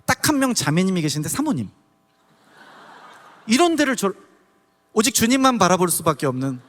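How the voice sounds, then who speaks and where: A man from Daegu giving a testimony sermon at a church service, telling his story in an animated way and acting out the scenes. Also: sits high, normal speed. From Daegu, South Korea. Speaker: guest preacher. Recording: long church hall reverb.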